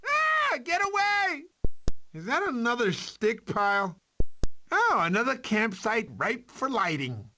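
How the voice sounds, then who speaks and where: An actor playing a cowardly, talkative male sloth in an animated video game, with an excitable, theatrical, whiny delivery. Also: high voice, a little hiss or hum, full character voice. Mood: terrified, then cheerful, eager.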